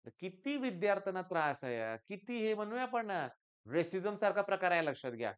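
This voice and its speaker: A middle-aged male tutor with a Marathi accent, coaching exam students in an emphatic motivational talk. He drives points home with loud stresses, then drops into quiet asides, repeating his reminders to pay attention. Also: sits high, sing-song, fairly quick, clear, resonant tone, highs cut off. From Maharashtra, India. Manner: emphatic, often repeats "lakshat ghya".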